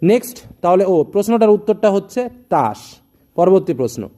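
A man's voice: high-pitched, dark tone. A male tutor reading exam questions with their options and then giving the answers, speaking directly to students. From West Bengal, India.

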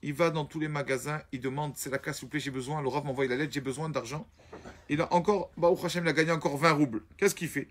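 Husky man telling a lively story. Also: quick pace. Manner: animated, acts out the characters in the story, often drops to a low murmur. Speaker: rabbi telling a Shabbat story. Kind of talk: spoken storytelling.

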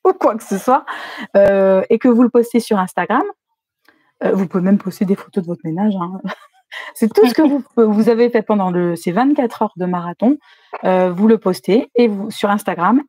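Brief: female live-stream host, mellow tone, dry close recording, chatty, reads viewer chat aloud. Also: mid-range voice, dry recording.

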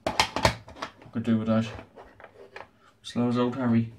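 Speaking slowly in a monotone, mid-range voice, this retro gaming host chats his way through a casual unboxing from a small home room, dropping dry, sarcastic remarks. There's noticeable background noise on the recording.

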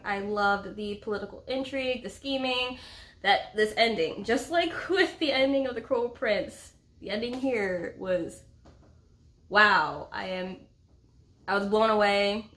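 In a home room full of bookshelves, a woman in her thirties talks books as a vlog co-host, easygoing and enthusiastic, with playful emphasis. Her voice is medium in pitch and a bit bright, and her pace is a little slow.

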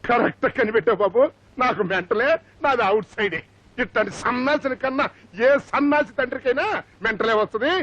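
A man's voice: extremely high pitch, a little fast, no echo. An actor playing a hot-headed middle-aged father in a comic film, blustering and indignant. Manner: blustering, indignant, loud outbursts. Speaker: father searching for his son. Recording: slightly muffled film audio with faint music.

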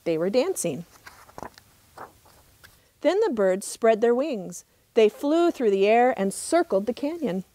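A middle-aged woman, a park ranger, reading a trickster tale as expressive, measured storybook narration outdoors. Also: a little high, a little hiss or hum. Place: outdoors in open desert.

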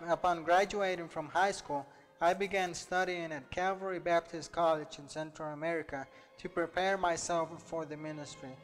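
A young man from Costa Rica, an evangelist, giving an earnest, measured scripted appeal for his ministry. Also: fairly high pitch, low-quality recording. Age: young adult.

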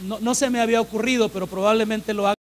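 A man's voice: high-pitched, steady tone, racing, a little hiss or hum. A man preaching a sermon to a church congregation, repeating phrases for emphasis and asking the listeners direct questions. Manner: emphatic, repeats phrases to drive points home.

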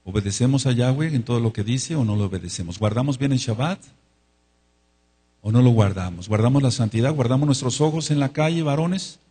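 A man's voice: medium pitch, a little fast, dark tone, breathy edge. A man preaching a sermon, drawing out words for emphasis and asking the congregation to repeat after him. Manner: calls for repetition and amens from congregation. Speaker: pastor.

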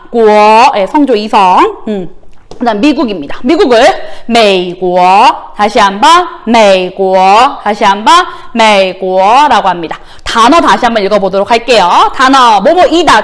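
A woman teacher, a native Korean speaker, gives a recorded Chinese lesson to middle schoolers, and her voice sits a little high. She keeps calling for another repetition and stretches the Chinese phrases out slowly so each tone is plain. She sounds patient and methodical. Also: expressive. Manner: drills words with repeated call-and-response prompts; slow, exaggerated pronunciation of Chinese words. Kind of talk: recorded online language lesson.

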